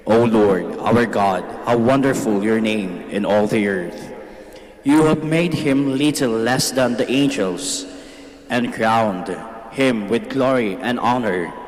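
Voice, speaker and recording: Slow-reading man, cathedral echo. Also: lowish voice. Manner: slow, measured, solemn delivery. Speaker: lector. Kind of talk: liturgical scripture reading. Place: large church. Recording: long church reverb.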